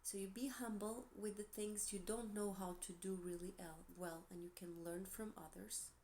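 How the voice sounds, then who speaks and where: A tarot reader with a Portuguese accent gives a reading in a gentle, encouraging way, adding soft asides and correcting herself. Her medium-pitched voice stays level at a moderate pace, and there's a little hiss or hum in the recording.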